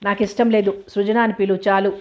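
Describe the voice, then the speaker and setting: A woman's voice: medium pitch, little pitch movement, brisk, darkish tone, natural voice. A woman reading the lines of a teasing, wry young woman in a storybook. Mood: scolding.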